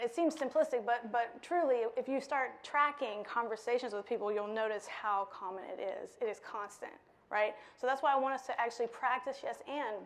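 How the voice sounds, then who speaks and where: A woman leading an interactive workshop before a live audience, lively and playful, laughing often. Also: a little high. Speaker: workshop speaker. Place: lecture room with a live audience.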